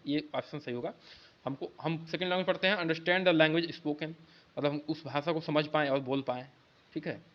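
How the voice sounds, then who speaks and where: Hindi-speaking male teacher, slightly high voice. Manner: explains in Hindi, reads English questions slowly. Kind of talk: exam-prep lecture. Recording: dull lo-fi sound.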